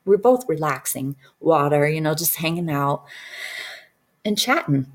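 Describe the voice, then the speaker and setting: A woman in her thirties with a notably low voice casually shares her story as a healing practitioner. She's animated and keeps a measured pace, rambling with frequent fillers and restarts, over slight background noise.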